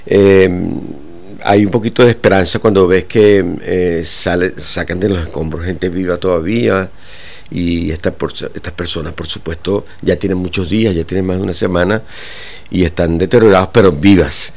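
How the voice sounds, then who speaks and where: Older venezuelan guy, super deep voice, talks slow and halting, lots of ums. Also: steady tone, darkish tone. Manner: halting, many fillers and restarts. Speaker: guitar teacher and orchestra director. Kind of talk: radio interview.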